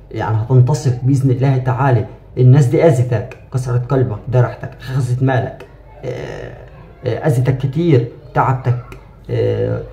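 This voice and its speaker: A man giving a spiritual fortune reading in a reassuring, repetitive monologue, with drawn-out "aah" fillers. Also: mid-range voice, mellow, echoey room.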